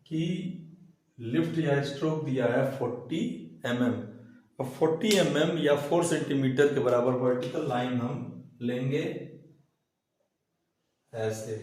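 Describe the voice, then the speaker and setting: A man with a sore throat and thick voice, speaking terms, explaining a drawing lesson slowly and step by step. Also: medium pitch, darkish tone. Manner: slow, deliberate explaining. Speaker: engineering drawing teacher. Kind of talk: step-by-step lecture. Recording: very echoey room.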